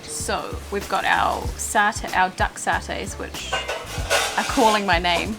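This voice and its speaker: A woman's voice: mid-range voice, fairly even intonation, slow pace, music in the background. Cheerful young woman describing food. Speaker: travel vlogger. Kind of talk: casual vlog chat.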